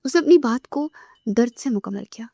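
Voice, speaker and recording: A woman narrating a romance novel aloud in a soft, emotive way, sometimes dropping to a whisper. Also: a little high, expressive, creaky, no echo, clean studio sound.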